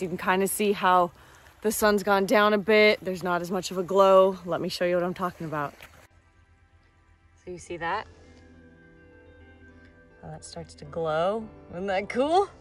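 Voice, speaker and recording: Out on a pebbly beach, a rock-hunting vlogger in her thirties talks in a relaxed, colloquial American way for her casual outdoor vlog. She speaks a little slowly in a mid-range voice, pausing often, with soft music playing behind her.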